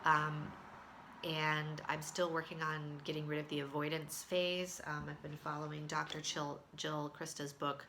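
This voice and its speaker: A woman who sounds congested and nasal gives a casual video diary update about her health, chatty and full of fillers and restarts. Her voice is deep, bright and forceful, with a level tone and a measured pace. There is slight background noise.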